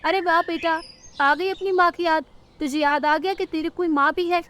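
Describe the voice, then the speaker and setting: Pushing her voice up to a very high register, a woman plays a cranky elderly bird, the nagging mother-in-law of a cartoon story. Her tone is steady and her pace moderate as she scolds, complains, and snaps with a sharp tongue.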